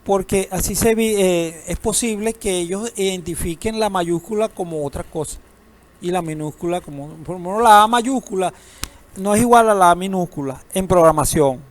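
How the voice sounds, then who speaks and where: A man's voice: sits high, moderate pace. A man teaching a database class, lecturing in a classroom, asking students questions and joking now and then. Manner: asks the class questions, uses humor.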